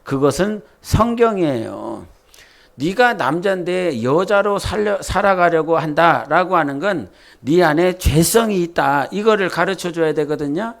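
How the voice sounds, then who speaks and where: Pastor, male, fairly high voice; loose conversational sermon with plenty of questions to the pews. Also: lively intonation, a little slow, creaky. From Jeolla, South Korea. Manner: conversational, quizzes the congregation with questions.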